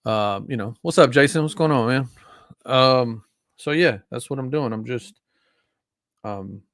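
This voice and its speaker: A man's voice: mid-range voice, a little slow, fairly bright tone, no room sound, studio quality. Forty-something man rambling on a live stream. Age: 40s. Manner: rambling, frequent fillers and restarts. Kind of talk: casual live stream chat.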